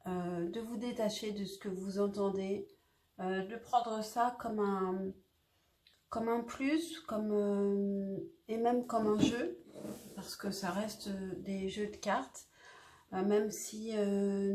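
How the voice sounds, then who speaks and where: A woman's voice: medium pitch, a little mellow. A woman doing a casual tarot reading, talking hesitantly with lots of fillers and restarts. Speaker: tarot reader. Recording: echoey room.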